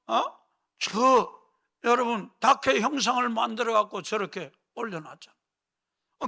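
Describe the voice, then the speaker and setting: A male pastor preaching a fervent sermon, often calling out to the congregation and building to shouted peaks. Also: very high-pitched, gravelly.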